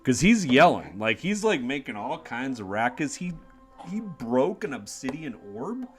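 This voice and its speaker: A man's voice: mid-range voice, big pitch swings, a little slow, soft background music. A man narrating as game master of a tabletop game, talking in a loose, rambling way. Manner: rambling, full of fillers and restarts.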